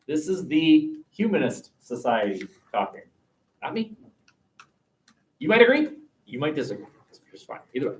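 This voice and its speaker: A man teaching a high school class, dictating word by word with punctuation spelled out and repeating his instructions. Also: big pitch swings, moderate pace, long pauses. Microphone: distant webcam microphone. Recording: echoey classroom, distant webcam microphone.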